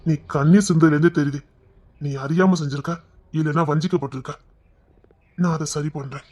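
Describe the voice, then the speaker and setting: A man's voice: fairly high pitch, steady tone, a little fast, slight background noise, natural voice. A man playing an earnest devoted young man. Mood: reassuring. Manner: earnest, warm-hearted, reassuring. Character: kind devoted young man, protective brother figure. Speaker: young husband-to-be waiting outside an exam hall. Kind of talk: audio drama acting.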